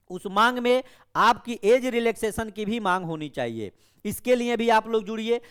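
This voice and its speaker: A man's voice: high voice, clear, resonant tone. A man, a young adult teacher giving exam aspirants an update and urging them on, repeating his warnings. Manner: urgent, repetitive exhortations. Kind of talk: direct-to-camera exam update.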